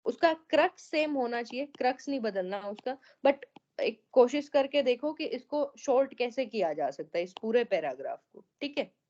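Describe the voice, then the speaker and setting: A woman's voice: a little high, expressive, moderate pace, warm tone, muffled recording. A woman teaching an online class, going over students' essays and often checking that they follow. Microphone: online meeting audio.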